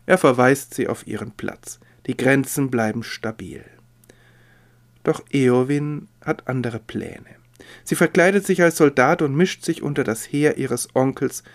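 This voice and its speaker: A man preaching a sermon in a measured, expressive reading voice. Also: mid-range voice.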